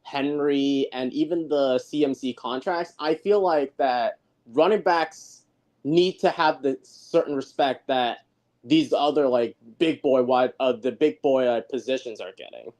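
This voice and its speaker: A man's voice: mid-range voice, unhurried, a little mellow. A man calling into a show, chatting casually and hesitating as he searches for words. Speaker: caller. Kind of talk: casual call-in chat.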